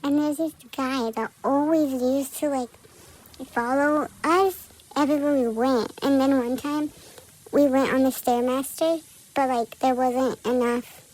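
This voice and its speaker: High-voiced blunt teen girl storyteller. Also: steady tone, a little slow, darkish tone, poor audio. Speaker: podcast co-host. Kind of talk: casual chat.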